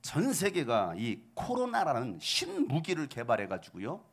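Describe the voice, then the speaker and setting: A middle-aged male pastor preaching, full of rhetorical questions and sudden shouted outbursts, with a gravelly voice. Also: mid-range voice, huge pitch swings, unhurried. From South Korea. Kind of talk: sermon.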